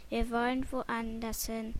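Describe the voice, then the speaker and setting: A woman voicing a wary young boy who fears monsters, read slowly from a storybook. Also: on the high side, flat delivery, very noisy. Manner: slow, plain read-aloud delivery.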